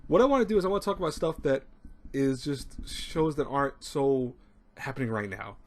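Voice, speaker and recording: A man's voice: mid-range voice, expressive, brisk, a little mellow. A man of thirty talking casually to his webcam from a small room at home, rambling and repeating himself with lots of fillers. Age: 30s. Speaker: anime review channel host. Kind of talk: casual talk to camera. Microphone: webcam at desk. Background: people talking nearby.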